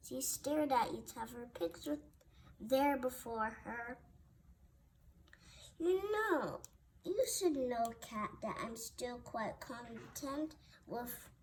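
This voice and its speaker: A storybook reader with a very high, youthful-pitched voice slowly reads a rhyming children's tale. She hesitates and repeats words often, and clear background noise is audible behind her.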